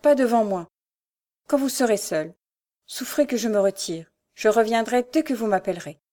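A woman's voice: on the high side, expressive, normal speed, warm tone, close to an everyday voice. A pleading young noblewoman, as a woman reader puts her on. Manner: pleading, trembling.

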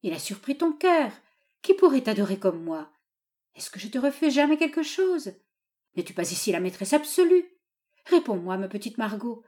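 A woman's voice: big pitch swings, moderate pace, mellow. A woman reading a novel aloud, voicing an old father who pleads with his daughter and then rages at her suitor. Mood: pleading. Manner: pleading then furious, raised and high. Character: doting, tyrannical old father, quick to rage.

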